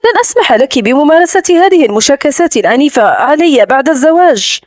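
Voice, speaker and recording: A woman's voice: sits high, very animated, fast, no echo, studio quality. A woman voicing a cold, commanding young man. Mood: angry. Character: domineering young man, a fiancé, curt and forceful. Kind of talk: audiobook dialogue reading.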